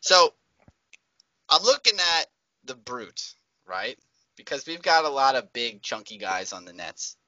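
Man, podcast co-host, casual chat, lively swooping pitch, slightly muffled dry audio. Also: a little slow, long pauses, dry recording. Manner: animated, acts out shouted movie-villain lines.

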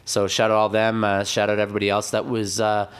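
A man with a hoarse, raspy throat, chatting casually as a DJ guest and giving hyped, slangy shout-outs. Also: on the low side, monotone, fast. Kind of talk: casual podcast chat.

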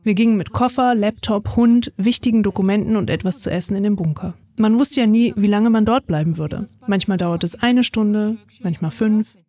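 A woman in her twenties from Ukraine, calmly reading her own first-person story in a reflective voice. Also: medium pitch, normal speed. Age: 20s. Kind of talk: read first-person testimony.

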